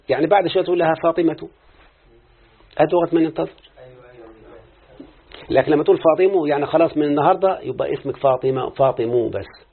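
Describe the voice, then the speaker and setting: A man's voice: a little high, breathy edge. A man with an Egyptian accent teaching Arabic grammar to a class, constantly checking whether his students understand. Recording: muffled phone-like lo-fi recording.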